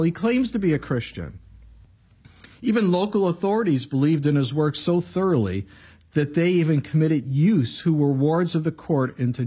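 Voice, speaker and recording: A man's voice: a little high, darkish tone, breathy edge. A man preaching an earnest, direct Bible sermon as pastor, speaking into a pulpit microphone.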